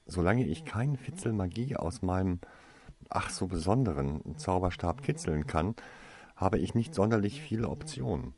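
A man's voice: sits low, very animated, normal speed, a little mellow. A man voicing a cautious, secretive young wizard boy in a fantasy storybook, speaking in a hesitant, guarded way.

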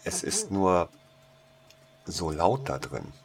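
A man's voice: low-pitched, very animated, slow, heavily acted. A man voicing a guarded teenage schoolboy who speaks hesitantly with dry irony. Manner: hesitant, ironic. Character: shy, guarded teenage schoolboy, dryly ironic.

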